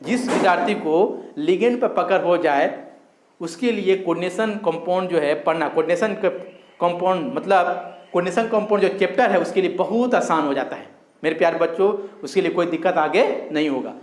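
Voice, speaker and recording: A man's voice: high-pitched, reverberant. A male chemistry teacher giving a lecture, repeating each key term as a question and answering it, and calling his students fondly. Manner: repeats key terms as call-and-response questions; addresses students fondly, drawn-out emphasis. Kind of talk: recorded classroom lecture.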